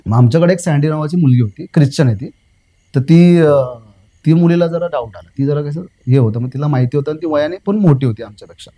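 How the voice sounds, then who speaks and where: Rambling young man, mellow voice. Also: on the high side, rough recording. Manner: rambling, repeats phrases, fills pauses with "uh", addresses the host as sir. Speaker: guest recounting a personal experience. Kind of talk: casual spoken storytelling.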